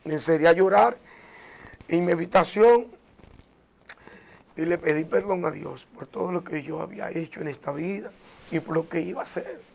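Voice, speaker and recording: A man sharing a personal faith testimony, earnest and emotional, often restarting and dropping to a softer voice. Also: fairly high pitch, normal speed, vocal fry, pauses often. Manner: earnest and emotional, with many restarts and soft drops in volume.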